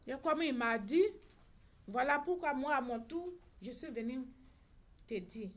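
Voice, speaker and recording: Middle-aged Ivorian woman, bereaved mother at a press conference, slightly raised pitch, acts out the voices in her account. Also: lively intonation, unhurried. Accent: Ivorian French. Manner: recounts events by acting out reported dialogue.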